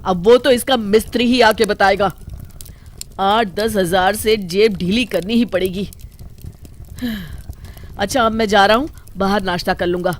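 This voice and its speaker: A woman's voice: mid-range voice, steady tone, measured pace, long pauses, lightly acted. A woman voicing an irritable young husband who keeps losing his temper in a cartoon story. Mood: annoyed. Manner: exasperated outbursts. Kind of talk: cartoon voice acting.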